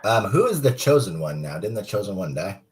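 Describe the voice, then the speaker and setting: A man playing in a live tabletop game, cracking wry, deadpan jokes. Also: lowish voice, a little fast, a little hiss or hum. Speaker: player.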